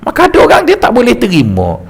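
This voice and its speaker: A man's voice: very high-pitched, fast talker, gravelly, husky. A middle-aged man with a Malaysian Malay accent giving a mosque lecture, joking and telling stories with stammered restarts. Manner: lively, jokey storytelling with stammered restarts. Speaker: religious teacher.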